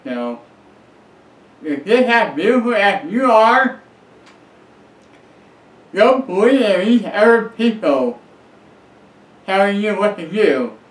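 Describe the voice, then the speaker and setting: Middle-aged guy talking slow and earnest to his camera, kinda high voice, echoey room. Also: very animated. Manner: earnest, repetitive, calls himself by a nickname. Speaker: vlogger giving advice. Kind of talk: direct-to-camera advice vlog. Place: small room at home, leather armchair by a bookshelf.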